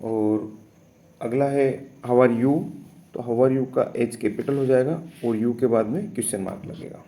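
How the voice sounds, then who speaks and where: A man teaching, slowly and patiently explaining English test answers step by step, with frequent fillers. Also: medium pitch, dark tone.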